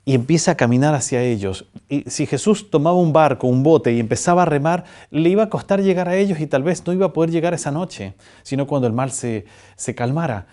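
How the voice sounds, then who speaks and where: A man's voice: on the high side, brisk. A man preaching a sermon, asking rhetorical questions and teasing his listeners. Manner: animated preaching, rhetorical questions, teases the congregation. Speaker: pastor.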